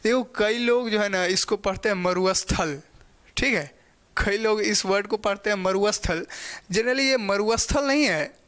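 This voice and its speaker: A man's voice: high voice, fairly bright tone, clean tone. A male teacher giving a geography lecture, explaining step by step and often checking in with the class. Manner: spells out pronunciation slowly.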